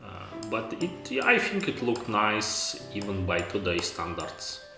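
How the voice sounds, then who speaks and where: Casting: male live streamer, lowish creaky voice, hesitant non-native phrasing, casual thinking-aloud commentary. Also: big pitch swings, takes it slowly. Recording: roomy echo with music behind. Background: game music.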